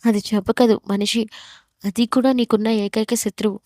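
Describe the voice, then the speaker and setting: A woman's voice: fairly high pitch, steady tone, normal speed, no echo, clean studio sound, lightly acted. A woman reading the lines of a proud, hot-tempered young woman in her own voice, snapping back angrily. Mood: angry. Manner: sharp and angry retorts.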